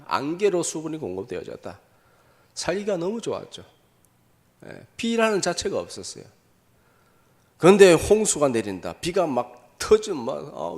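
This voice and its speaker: Gravelly male pastor preaching in a reverberant hall. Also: mid-range voice. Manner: rhetorical questions answered himself, drawn-out emphatic phrases. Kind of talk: Sunday sermon. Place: church sanctuary. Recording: long hall reverb from a church.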